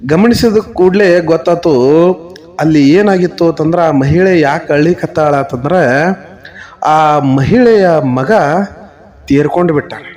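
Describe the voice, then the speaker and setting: Slow, high-voiced North Karnataka storyteller man. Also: darkish tone. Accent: North Karnataka Kannada. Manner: slow, emphatic, addresses listeners directly. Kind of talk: devotional storytelling.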